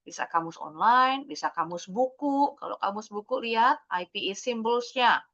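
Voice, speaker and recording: A woman's voice: fairly high pitch, expressive, moderate pace, fairly bright tone, muffled recording. An Indonesian woman teaching an English class, explaining patiently and mixing English words into her talk.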